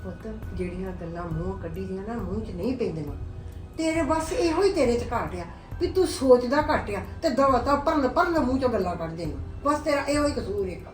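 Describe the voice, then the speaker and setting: A woman's voice: on the high side, lightly acted. A woman with a Punjabi accent playing a patient middle-aged mother who soothingly advises her angry son. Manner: soothing, pleading advice. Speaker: mother of the husband. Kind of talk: family drama acting. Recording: roomy sound from a distance, faint music.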